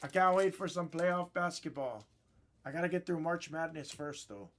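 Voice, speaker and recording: A man from Oahu with a Hawaiian accent hosts a live card break, chatting easily with viewers while opening packs. His voice is fairly high and moderately paced, his banter chatty, teasing, and easygoing, with slight background noise.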